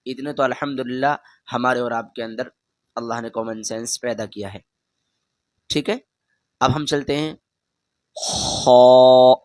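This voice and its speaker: A man with a medium-pitched voice gives a beginner's Quran reading lesson, patiently explaining each letter and repeating it loudly and drawn out. He talks straight to the learner and keeps asking them to say the sounds back, in a dry, close recording with no echo.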